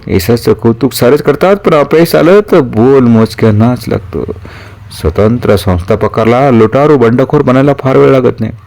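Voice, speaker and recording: A man voicing a dying old male mentor who gives calm, grave counsel in a measured way. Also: medium pitch, creaky, voice pushed up, lightly acted.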